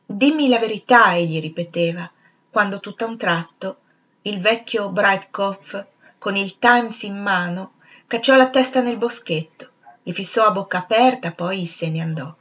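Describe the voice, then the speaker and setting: Female audiobook narrator, measured and expressive, mid-range voice, slightly dull recording. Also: mid-range voice. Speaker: audiobook reader.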